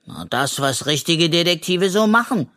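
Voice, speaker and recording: A reader voicing an excitable, boastful little male raccoon in a children's audiobook, with a hissing, conspiratorial manner. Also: mid-range voice, moderate pace, voice pushed up, natural voice. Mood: excited. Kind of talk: children's audiobook role reading.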